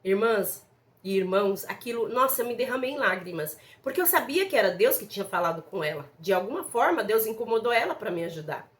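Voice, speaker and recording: A woman's voice: mid-range voice, animated, fairly quick. A middle-aged woman giving an earnest religious testimony, speaking directly to listeners as brothers and sisters. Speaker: church member giving testimony.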